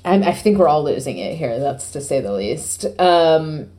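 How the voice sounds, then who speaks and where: A woman chats on a podcast in a deep, mellow voice. She rambles playfully and fills her talk with "like" and "you know". Her tone stays warm and dark. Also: very animated, normal speed. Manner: rambling, playful, filler-heavy. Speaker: podcast co-host, PR agency. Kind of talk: casual podcast chat.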